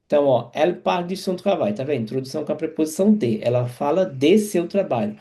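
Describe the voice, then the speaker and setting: A man's voice: fairly high pitch, lively intonation, dark tone. A man teaching French grammar, explaining each example and checking in with listeners as he goes. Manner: repeats and checks in with quick tags.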